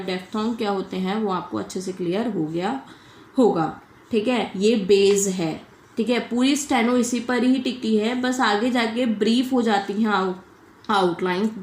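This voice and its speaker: A woman's voice: mid-range voice, reverberant. A woman teaching a shorthand class online. She explains step by step, puts questions to her students and answers them herself, and mixes English terms into her talk.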